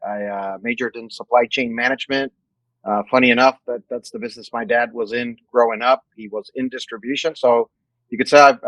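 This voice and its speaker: Male guest from Mexico, about forty, mid voice, deliberate answers, dry recording. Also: mid-range voice, fairly bright tone, dry recording, low-quality recording. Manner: measured, restarts phrases while thinking. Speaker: guest, company executive. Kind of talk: casual interview.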